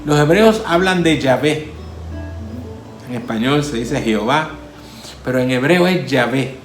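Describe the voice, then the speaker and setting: A man preaching a sermon as pastor, often saying hallelujah, rising loud and falling soft. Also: medium pitch, a little slow, roomy sound, faint music behind. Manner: preaching with repeated hallelujahs, swelling and falling in force.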